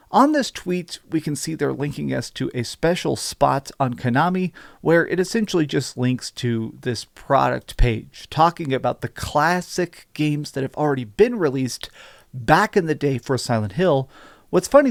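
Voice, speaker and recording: An American man giving enthusiastic gaming news commentary in an excitable, emphatic, gushing way. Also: medium pitch, creaky, no echo, studio quality. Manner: excitable, emphatic, gushing with repeated words and hyperbole.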